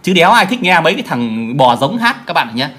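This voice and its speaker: A man's voice: fairly high pitch, big pitch swings, a little fast, fairly bright tone. A man ranting bluntly and crudely to his viewers as a self-styled teacher, mocking them and asking "right?" again and again. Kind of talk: profane rant monologue.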